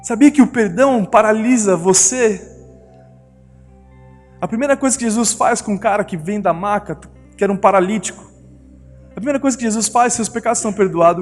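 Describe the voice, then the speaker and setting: A middle-aged man with a Brazilian Portuguese accent, preaching a sermon and telling family stories, acting out the voices of his wife and children. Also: high-pitched. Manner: storytelling, acts out family voices. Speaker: pastor. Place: church hall. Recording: long reverb of a church hall with music.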